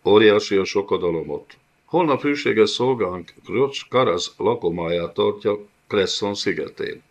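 A man's voice: lowish voice, expressive, pitched above the performer's own voice. Man voicing a cowering servant monk. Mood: fearful. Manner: pleading, submissive. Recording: dull lo-fi audiobook recording.

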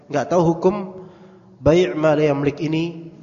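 A male Indonesian preacher delivers an informal study lecture, slipping into quoted dialogue and Arabic expressions. His voice sits a little high. The recording is muffled and rings with long hall reverb. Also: steady tone, unhurried, warm tone. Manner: conversational, storytelling with quoted dialogue and Arabic phrases. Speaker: religious teacher.

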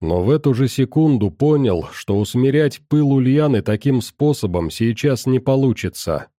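A man calmly reading a first-person audiobook story. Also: mid-range voice, moderate pace, dry recording, studio quality. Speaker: audiobook narrator. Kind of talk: first-person scripted narration.

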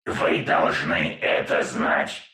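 A man voicing an old male cyborg in a flat, mechanical half-whisper with an echoing robotic filter, as in an audiobook. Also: a bass voice, slow pace, heavily acted. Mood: grave. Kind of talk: audiobook narration.

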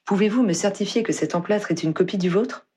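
Husky reader's take on a reserved, firm young wizard cop, put on by the narrator. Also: medium pitch, brisk, mellow, pitched above the performer's own voice, lightly acted. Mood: firm polite. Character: young male wizard detective, polite but firm.

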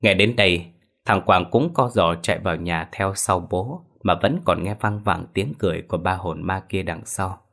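A man narrating a ghost story in an expressive, dramatic way. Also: sits low, normal speed, creaky.

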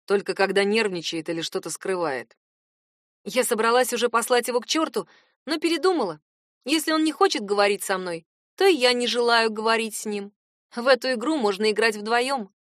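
A woman's voice: fairly high pitch, fairly quick, a bit bright, dry recording, studio quality. Woman narrating an audiobook in first person.

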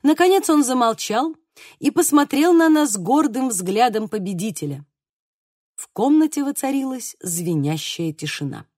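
A woman narrating an audiobook in an expressive, animated way. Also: fairly high pitch, normal speed, dry recording, studio quality.

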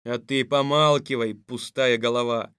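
An actor playing a stern, weary fairy-tale tsar in an audiobook radio play, speaking gruffly and with command. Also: male voice, medium pitch, fairly even intonation, unhurried, fairly bright tone, no echo, studio quality, natural voice.

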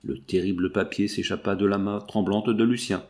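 A man narrating a 19th-century novel as an audiobook, in a measured, dramatic way. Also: lowish voice, steady tone, a little mellow. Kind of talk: audiobook reading.

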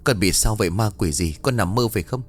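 A man's voice: on the low side, quick pace, soft background music, close to an everyday voice. A man voicing a worried middle-aged father who soothes and questions his daughter in a ghost story. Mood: soothing. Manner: soothing, then scolding.

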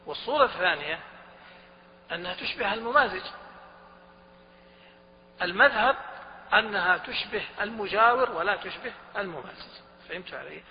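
A man giving a lecture on Islamic jurisprudence, who quizzes the students often and repeats his points. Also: high voice. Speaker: religious studies teacher. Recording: dull recording with a long hall reverb and faint hum.

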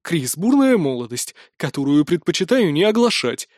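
A man voicing a towering female mercenary warrior who booms threats and rough teasing. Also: very animated, moderate pace, darkish tone, no room sound, clean studio sound.

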